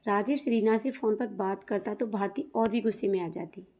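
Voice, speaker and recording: A woman storyteller reading a moral family story aloud in a steady, plain way, and asking her viewers to comment and subscribe. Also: medium pitch, normal speed. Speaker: storyteller, channel host. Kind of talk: storybook narration.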